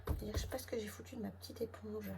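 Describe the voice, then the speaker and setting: A woman's voice: medium pitch, steady tone, rapid-fire, music in the background. A woman with a southern French accent, a budget vlogger who thinks aloud and mutters sums and figures under her breath while counting her envelopes at home. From south of France. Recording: clear background noise with clicks.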